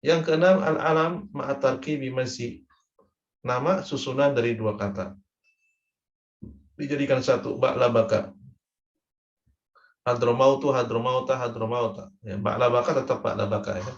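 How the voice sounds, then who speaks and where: A man's voice: medium pitch, moderate pace, pauses often, roomy sound, muffled recording. A man with an Indonesian accent teaching Arabic grammar in a recorded lesson, patiently repeating each word ending aloud.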